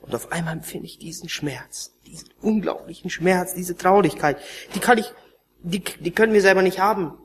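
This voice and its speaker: A man preaching with strong feeling, his voice sitting a little high for a man. He climbs into loud, urgent pleading, then sinks to soft, breathy near-whispers as he tells his own story to the congregation. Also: normal speed, slight background noise. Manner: emotional, swinging between raised pleading and hushed near-whispers. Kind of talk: sermon testimony.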